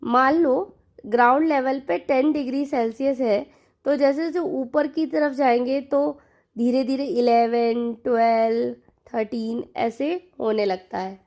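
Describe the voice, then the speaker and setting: An online exam-prep teacher with a high, darkish voice speaks at a measured pace in a steady tone. Mixing Hindi and English, she lectures her learners and repeats the key terms for them.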